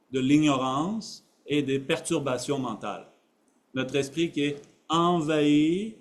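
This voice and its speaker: A man giving a Buddhist teaching to an audience. He uses simple phrasing, builds each point from everyday examples, and often checks in with "ok?". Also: fairly high pitch. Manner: builds his points from everyday examples, repeating key words. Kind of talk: dharma talk to an audience.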